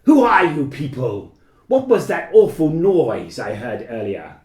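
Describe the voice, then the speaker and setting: A man's voice: mid-range voice, very animated, a little slow, darkish tone. A man voicing a suspicious, formal young male plague doctor who asks probing questions in old-fashioned speech. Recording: echoey room.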